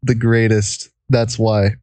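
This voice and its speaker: A young man hosts a casual podcast from under a blanket, so his voice comes through muffled with no echo. He speaks slowly in a low, level, darkish tone, rambling and giggling as he goes.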